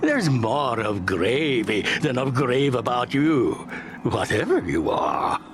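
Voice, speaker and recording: Wildly swooping, crotchety old miser. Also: male voice, medium pitch, big pitch swings, slow pace, over music. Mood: defiant, sardonic. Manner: blustering, stammering, sardonic. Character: crotchety old miser, frightened but defiantly sceptical. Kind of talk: audiobook radio-play acting.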